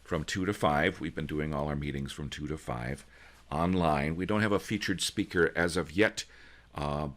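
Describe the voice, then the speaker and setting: A man's voice: very deep voice, normal speed. A man hosting an online user group meeting, casual and joking, with frequent ums and restarts, heard over a video call. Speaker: user group organizer and host.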